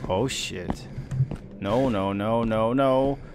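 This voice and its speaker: A man's voice: fairly low pitch, very slow. A young man as a scared horror game streamer, giving casual, jumpy commentary with panicky repeated exclamations and swearing. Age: young adult. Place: home bedroom, indoors. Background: game music.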